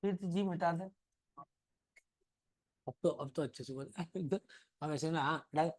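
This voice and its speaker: A high-pitched male teacher runs a live chemistry lesson in a loose, chatty way. He teases and mock-scolds his students while walking them through each step, and calls them "beta" as he goes. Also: a little slow.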